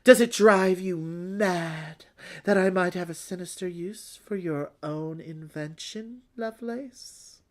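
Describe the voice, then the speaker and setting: A woman's voice: on the low side, takes it slowly, darkish tone. A woman reading a villain's letter aloud as a sneering, taunting man, in a haughty and theatrical manner.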